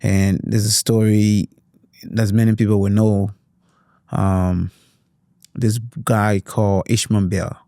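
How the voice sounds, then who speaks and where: A man's voice: fairly low pitch, level tone, takes it slowly, creaky, long pauses, mellow, dry recording, studio quality. A young man with a Liberian accent from Liberia, telling his story earnestly and reflectively as an interview guest, with frequent "you know" fillers. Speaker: youth advocate guest.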